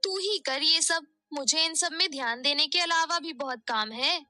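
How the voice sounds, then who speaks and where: A woman voicing a gentle, studious young stepdaughter who pleads and protests in a storybook tale. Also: sits high, normal speed, voice pushed up. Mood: pleading. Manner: pleading, earnest.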